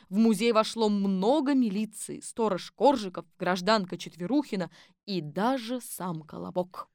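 A woman's voice: mid-range voice, no echo, studio quality. Woman reading a children's story. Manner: lively, ironic storytelling. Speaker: narrator. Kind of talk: audiobook narration.

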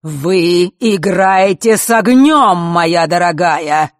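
A woman's voice: lowish voice, no room sound, studio quality. Woman doing a grumbling old keymaster. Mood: menacing. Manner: slow, stern, grumbling. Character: grumpy old male keymaster, stern and sly.

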